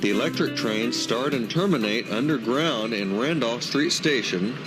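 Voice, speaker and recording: A man narrates a documentary from a script. His voice sits at an average male pitch, and music plays clearly behind the voice-over. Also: animated, moderate pace, poor audio.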